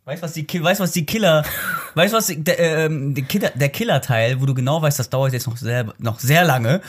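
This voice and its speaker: A man co-hosting a podcast, joking around in casual chat with drawn-out asides. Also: fairly high pitch, breathy edge. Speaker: podcast co-host.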